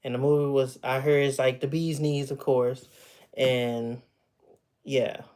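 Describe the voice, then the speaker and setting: Loose and chatty, a man in his thirties livestreams from home in front of memorabilia, laughing often and drifting off mid-thought. His mid-range voice is clear, resonant and darkish, with a flat delivery at a measured pace.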